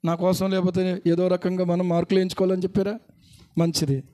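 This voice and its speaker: High-voiced man preaching a sermon. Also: monotone, quick pace, dark tone. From India. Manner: preaching with repeated rhetorical questions to the congregation. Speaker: pastor.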